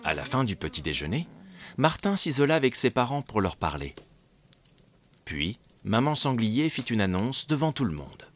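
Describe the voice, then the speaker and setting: A man narrating a children's storybook in an expressive, lilting way. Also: medium pitch, normal speed.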